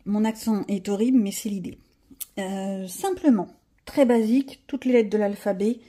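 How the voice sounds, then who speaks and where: A woman's voice: medium pitch, moderate pace, warm tone. A woman chatting casually to her viewers while she colors, thinking aloud and joking about herself. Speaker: coloring vlogger.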